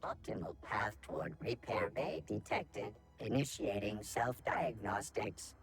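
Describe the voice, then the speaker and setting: An actor voicing a calm robotic repair machine that recites pre-programmed messages in a flat computer tone. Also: medium pitch, a little slow. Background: game music.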